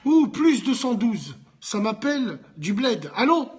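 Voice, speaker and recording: A man's voice: sits high, very animated, slow, darkish tone, husky. A man hosting a live call-in debate in blunt slang with Arabic interjections. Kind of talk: heated casual debate in French street slang.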